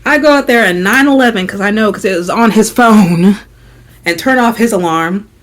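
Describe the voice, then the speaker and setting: A young woman vlogger telling a story in casual chat, slangy and animated, dropping to hushed asides and rising to loud exasperated bursts. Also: mid-range voice, normal speed.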